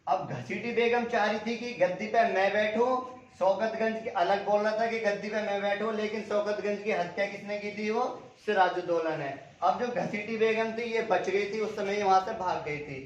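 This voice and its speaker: Male tutor, high voice, quizzing style; dull lo-fi recording in a boomy room. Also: steady tone, normal speed, slight background noise. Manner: asks questions and answers them himself, repeats key names. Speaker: teacher. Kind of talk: exam-prep history lecture. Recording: echoey room, dull lo-fi sound.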